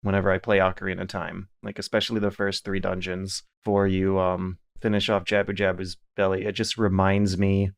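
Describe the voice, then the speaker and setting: A man in his thirties, a podcast host telling animated stories in casual chat. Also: sits low, brisk, creaky, few pauses. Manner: animated storytelling, reads listener questions aloud.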